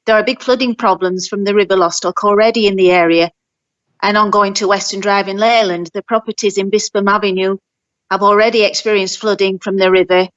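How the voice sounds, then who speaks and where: A woman ward councillor speaking over the phone, reading a formal prepared statement to a planning committee. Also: mid-range voice. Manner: reads a prepared statement steadily. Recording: dull, muffled phone audio.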